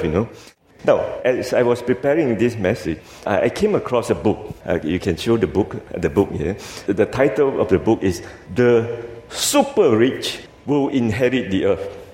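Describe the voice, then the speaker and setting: At a church camp, a man with a Malaysian accent delivers an informal English sermon peppered with little colloquial tags such as "you see" and "lah." His voice is mid-range and a little mellow, and the recording carries echo and noisy room sound from the hall.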